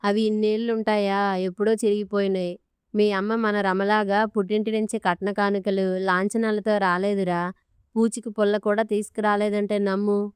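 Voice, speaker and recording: A woman's voice: medium pitch, little pitch movement, moderate pace, clean tone, no room sound, clean studio sound, lightly acted. A woman reading as a stern old father-in-law. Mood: firm. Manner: commanding, blunt. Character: stern older man, a firm father-in-law.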